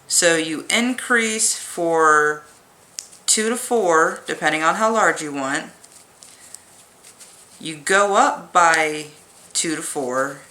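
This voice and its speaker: Hosting a crochet tutorial, a woman with a fairly low but very bright voice chats casually as she works through the craft by hand. Her S sounds come out sharp and a faint whistle escapes her nose, while her explanations stay jokey and self-deprecating.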